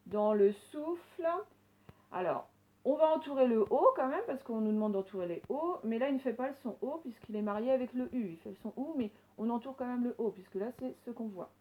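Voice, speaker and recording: A woman teacher recording a reading lesson for young children, slowly sounding out words and giving gentle instructions. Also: fairly high pitch, low-quality recording. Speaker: primary school teacher.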